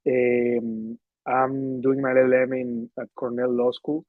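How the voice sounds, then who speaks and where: A man from Colombia politely introduces himself as a law student, stumbling a little over his words. His pitch stays even. The call sound is narrow and completely dry. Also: takes it slowly, no room sound. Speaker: program fellow and law student. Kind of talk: self-introduction on a video call. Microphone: video call. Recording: dry, tinny phone-like call audio.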